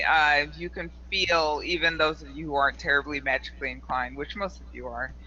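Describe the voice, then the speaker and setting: A man's voice: fairly high pitch, pushed and bright, dull audio, a little hiss or hum. A man narrating an improvised tabletop role-playing game as game master.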